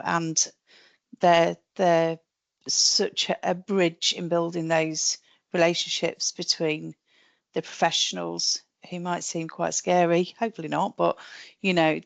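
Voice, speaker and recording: A woman's voice: on the low side, creaky, no room sound. A woman on a mental health team, speaking on a webinar panel with enthusiasm and repeating words as she thinks. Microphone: video call.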